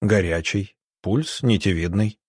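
Guy reading as a calm young doctor, steady and matter-of-fact, a bit husky. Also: fairly low pitch, a little slow, dry recording, clean studio sound. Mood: urgent. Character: calm young male country doctor, composed.

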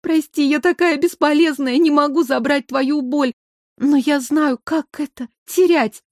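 A woman voicing a gentle, sad young princess who speaks softly. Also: high voice, steady tone, a little slow, no echo, studio quality, voice pushed up. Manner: soft and gentle.

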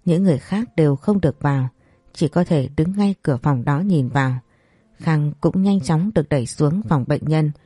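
A woman narrating a first-person story in a steady, even reading. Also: sits low, moderate pace, breathy edge, no echo.

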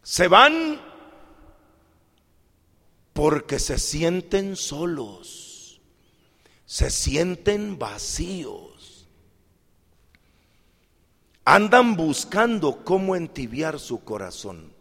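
Male preacher, sermon, slow deliberate delivery, slightly high voice, long echoing hall. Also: huge pitch swings, gravelly. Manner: acts out little dialogues, swings from loud outbursts to quiet asides.

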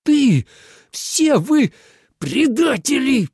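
A man's voice: very animated, moderate pace, creaky, a little mellow, husky, no echo, studio quality, full character voice. A man doing a raging young emperor. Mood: furious. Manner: shrill and furious, high-pitched outbursts. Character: hot-tempered young male emperor, shouting. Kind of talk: audiobook character voice.

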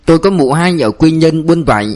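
Storybook part: a man playing a jovial old mandarin, smooth and persuasive. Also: fairly high pitch, lively intonation, a little fast, a little mellow, faint music behind, close to an everyday voice. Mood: genial. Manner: genial, persuasive. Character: smooth-talking older provincial mandarin, jovial.

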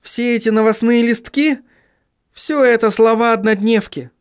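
A man voicing a lively, cheerful young woman with a light, coaxing manner. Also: extremely high pitch, measured pace, clean tone, voice pushed up. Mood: teasing.

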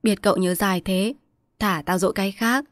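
A woman's voice: medium pitch, normal speed, no room sound, clean studio sound, lightly acted. A woman storyteller voicing a district chief's wife, an indulgent mother who coaxes her child and bosses her servants. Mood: coaxing. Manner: coaxing, bossy to servants.

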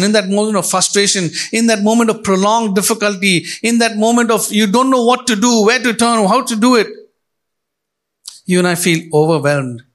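A man's voice: high-pitched, a bit bright. A middle-aged male pastor preaching a sermon in church, speaking straight to the congregation with rising and falling emphasis.

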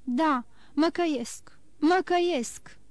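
A woman's voice: high-pitched, no room sound, pitched above the performer's own voice, close to an everyday voice. A woman voicing a starving, desperate male banker who begs for his life in broken, pleading cries, in an audiobook. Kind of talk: audiobook reading.

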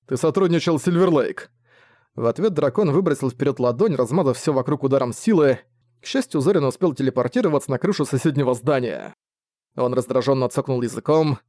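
A man narrating a fantasy audiobook in a steady, lively storytelling manner, close to the mic. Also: mid-range voice, quick pace, dry recording. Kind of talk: scripted narration.

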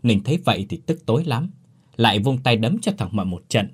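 A man narrates a scripted horror story with dramatic, expressive storytelling. His pitch moves a lot through each sentence. The voice has a husky grain. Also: fairly quick.

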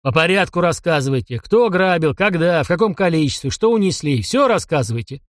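A man's voice: fairly high pitch, animated, fairly quick, dry recording, clean studio sound, close to an everyday voice. A man doing a stout barking village constable. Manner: barking, interrogating.

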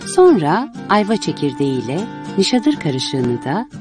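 A woman reading a story aloud in a measured, expressive way. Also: fairly low pitch, music in the background. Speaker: narrator.

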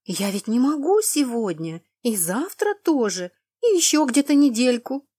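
A woman's voice: on the high side, very animated, unhurried, warm tone, breathy edge, no echo, clean studio sound, pitched above the performer's own voice, heavily acted. A woman playing a sweetly mocking young noblewoman.

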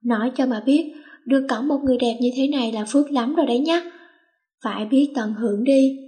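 A woman's voice: sits high, a little fast, warm tone, close to an everyday voice. A woman voicing a cunning teenage schoolgirl who bosses her friends and plays sweet to get her way. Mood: sassy. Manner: bossy, mock-sweet when acting.

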